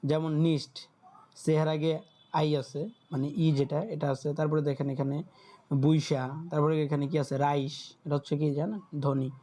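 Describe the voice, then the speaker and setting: A man leads an online class over a video call, going slowly and checking that his students follow. His voice sits a little high but sounds dark and mellow. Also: level tone. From Bangladesh. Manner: patient, repeats words and checks in with listeners. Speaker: German teacher.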